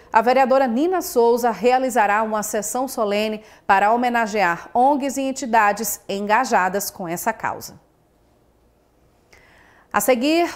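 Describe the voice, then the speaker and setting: Higher-voiced Brazilian woman presenting the news. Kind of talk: broadcast news presenting and interviewing. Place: TV studio.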